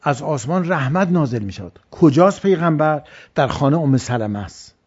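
A man's voice: on the high side, lively intonation, a little mellow, husky, dull audio. A man preaching a religious lecture, telling stories and repeating phrases for stress. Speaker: cleric.

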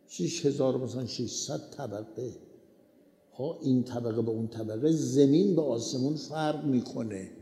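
A man's voice: mid-range voice, warm tone. A man giving a sermon, repeating his key phrases again and again for emphasis. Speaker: preacher. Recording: echoey hall reverb.

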